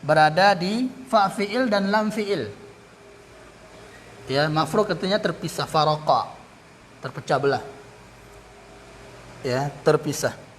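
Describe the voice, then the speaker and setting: A man teaching Arabic grammar in a classroom lesson, repeating each term and pausing to correct himself. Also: fairly high pitch, expressive, slight background noise.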